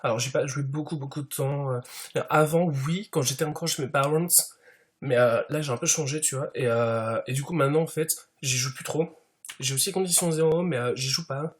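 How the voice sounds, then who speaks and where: A man's voice: fairly high pitch, brisk. A man doing a comedic parody monologue as a smug show-off, padding every sentence with fillers. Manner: smug show-off persona, heavy fillers, constant "tu vois". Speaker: YouTuber.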